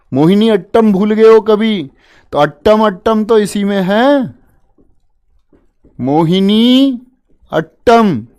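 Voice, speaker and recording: A man's voice: high voice, darkish tone, smooth. A man teaching an exam-prep lesson in a casual, playful way, coaxing students along with jokey memory tricks. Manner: chatty, addresses listeners as "bhai".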